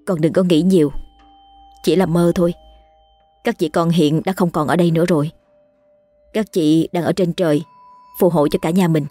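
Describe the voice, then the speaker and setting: Woman playing a protective mother, anxious questioning, lowish voice. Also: fairly even intonation, normal speed, long pauses, warm tone, no room sound, faint music behind, close to an everyday voice.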